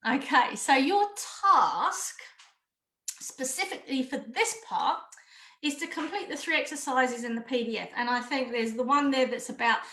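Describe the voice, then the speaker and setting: A woman gives an online coaching lesson in a high, bright voice. She is direct and emphatic and drives her points home by repeating them. The sound is roomy and echoey. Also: lively intonation, normal speed. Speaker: mindful eating coach. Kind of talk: online course talk.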